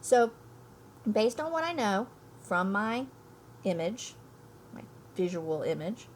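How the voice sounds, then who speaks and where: Very animated yet slow, a medium-pitched woman teacher conducts a read-aloud lesson, reading and explaining a storybook to young children. The elementary school teacher is emphatic and thinks aloud. Slight background noise is audible.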